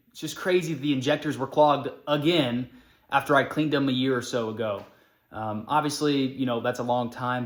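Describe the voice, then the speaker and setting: Male vlogger, slightly high voice, informal and plain-spoken, recorded in an echoey space. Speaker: vlogger, hobby motorcycle mechanic. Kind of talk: casual vlog commentary on a repair.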